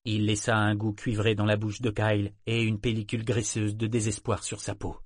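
Brief: male audiobook narrator, steady and measured, low-pitched, dry close recording. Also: dry recording. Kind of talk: scripted narration.

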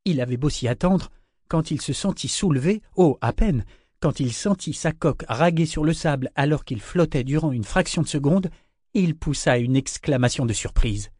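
A man's voice: a little high, animated, a little mellow, no echo. Man narrating a story, dry sound. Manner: measured, storytelling. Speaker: audiobook narrator. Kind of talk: scripted narration.

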